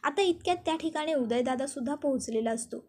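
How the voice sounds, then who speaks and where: A woman narrates a TV serial episode as a flowing story. Her voice sits high, and she reads each character's dialogue aloud within the narration. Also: fast talker, darkish tone. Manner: retells scenes and voices characters' lines in quotes.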